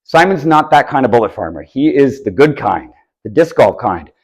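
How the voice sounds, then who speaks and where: Man, disc golf coach, casual instructional talk, mid pitch. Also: very animated, normal speed, poor audio. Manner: explains while demonstrating throws, casual asides. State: a bit out of breath. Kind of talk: instructional demonstration. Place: outdoors on a course.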